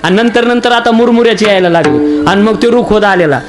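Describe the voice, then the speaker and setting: A man's voice: sits high, fairly quick, loud music behind the voice. A man delivering a humorous kirtan sermon, teasing the elderly women in front of him and acting out little household dialogues. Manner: jokey, addresses elderly women in the audience, acts out dialogue. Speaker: kirtan preacher.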